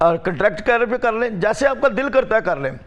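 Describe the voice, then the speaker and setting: This is a man with a notably high voice. He argues heatedly as a union representative on a studio panel. He keeps cutting back in to demand the floor. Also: very animated, fast, lo-fi sound. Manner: forceful, insistent, keeps demanding to be heard. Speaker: rickshaw union representative guest.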